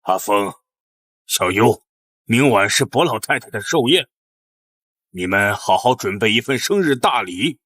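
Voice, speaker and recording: A stern old patriarch. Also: male voice, on the low side, animated, a bit bright. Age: older. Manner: measured, commanding. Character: stern elderly patriarch of a rich family. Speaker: grandfather, family head. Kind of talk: TV drama acting.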